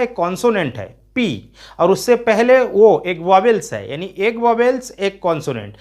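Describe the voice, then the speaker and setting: High-voiced man teaching spelling. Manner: spells words letter by letter, steady explaining tone. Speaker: English teacher. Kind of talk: spoken grammar lesson.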